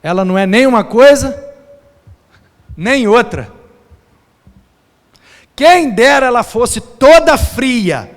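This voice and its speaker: A man preaching a sermon as pastor, playful and animated, mimicking sounds and shouting for emphasis. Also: extremely high pitch, slow pace, long pauses. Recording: long hall reverb.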